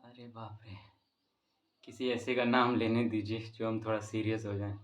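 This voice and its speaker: A man's voice: fairly low pitch, level tone, normal speed. A man teacher with a Bihari accent tells his class a joke in a playful, casual way and keeps breaking into laughter. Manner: speaks to students directly.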